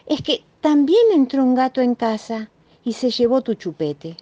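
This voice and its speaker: A woman's voice: high-pitched, very animated, measured pace, dark tone, voice pushed up, heavily acted. A woman voicing a cheerful, teasing mother with a Rioplatense accent, in a sing-song, mock-sorry manner. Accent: Rioplatense Spanish. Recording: dull muffled recording.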